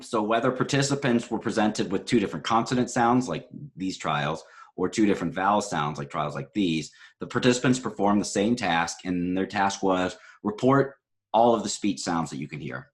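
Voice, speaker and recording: In a recorded psychology lecture, a man with a very low voice casually goes over study results. His delivery is conversational, full of "um"s and self-corrections.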